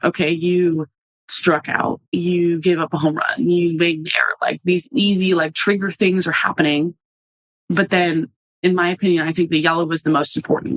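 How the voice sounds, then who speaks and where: Young woman softball player, animated storyteller. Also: low voice, dry recording, low-quality recording. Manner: animated storyteller, acting out quotes. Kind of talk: casual podcast interview.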